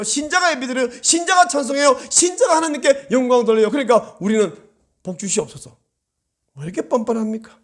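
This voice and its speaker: A man preaching as a church pastor, acting out the voices of the people in his stories. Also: very high voice. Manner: animated, acts out voices of children and psalmist in dialogue. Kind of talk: sermon.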